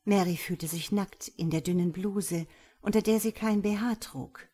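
A woman reading an audiobook excerpt in a calm, measured storytelling voice. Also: mid-range voice, breathy edge. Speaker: audiobook reader. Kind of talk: scripted audiobook narration.

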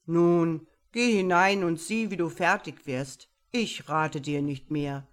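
A gruff male bear from a storybook tale, blunt and scolding, calling out loudly, as a woman narrator puts him on. The voice is low and unhurried. The delivery is slow.

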